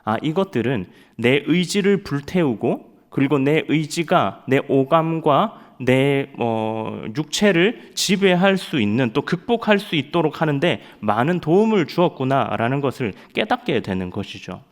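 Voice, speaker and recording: A young man preaching a sermon, telling stories in an animated way and acting out loud quotes. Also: fairly high pitch, a little slow, few pauses. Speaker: evangelist preaching at a Friday night prayer service.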